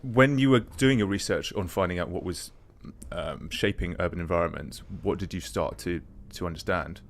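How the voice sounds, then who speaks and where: A man hosting a studio podcast, with a low, deep voice. He asks long, rambling questions. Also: moderate pace, a little hiss or hum. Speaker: podcast host. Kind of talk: podcast interview.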